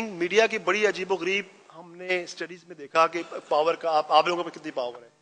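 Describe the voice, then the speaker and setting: A high, bright male voice, lecturing at a conference and slipping English phrases into his explanations. The sound carries the long reverb of a large hall. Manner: mixes Hindi-Urdu with English phrases.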